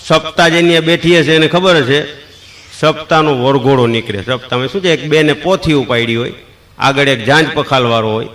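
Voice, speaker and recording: A man's voice: mid-range voice, a bit bright. A man with a Kathiyawadi Gujarati accent doing stand-up comedy, telling folksy anecdotes and acting out the dialogue.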